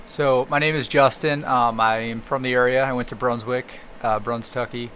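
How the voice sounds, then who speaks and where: A man guesting as a running coach on a casual podcast, speaking in a middle-pitched voice. He talks modestly and laughs easily. A faint hiss runs under the recording. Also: fairly even intonation, moderate pace, a bit bright.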